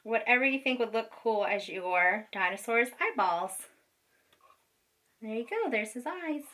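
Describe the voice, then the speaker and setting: A special education teacher explains a craft to children in careful steps, her voice a little high, expressive and sharp, her pace unhurried. She keeps it casual and patient, checking in frequently along the way. A distant microphone captures her.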